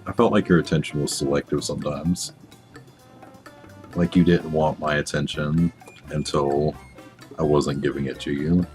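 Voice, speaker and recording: Very deep-voiced young man. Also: steady tone, normal speed, pauses often, darkish tone, soft background music. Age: young adult. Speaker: ex-partner being questioned. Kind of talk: casual chat.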